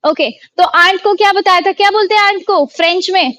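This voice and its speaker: Briskly and in a sharp, very high voice, an Indian online French tutor runs a live class over a video call, repeating each word and quizzing her students. There is no room sound on the recording.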